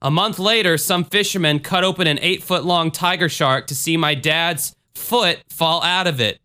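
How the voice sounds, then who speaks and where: A man's voice: fairly high pitch, normal speed, sharp tone, smooth. A man hosting a podcast in a casual, informal, conversational style, sometimes reading aloud. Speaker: podcast host.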